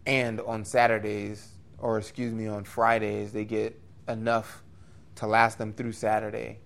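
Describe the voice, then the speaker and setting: A man preaching an expository sermon in an earnest, conversational way, with lively rises and quick asides. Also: fairly low pitch, gravelly.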